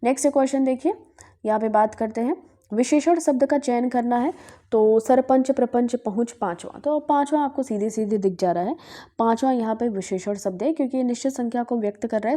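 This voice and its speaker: A woman from Bihar, India teaches Hindi grammar, going through past exam questions and answering the questions she poses to herself, frequently saying "ठीक है". Her voice is a little high and mellow.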